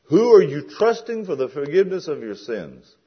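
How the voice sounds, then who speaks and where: A man's voice: a little high, big pitch swings, normal speed, breathy edge, dull audio. A man preaching a sermon in a conversational way that builds to emphatic questions.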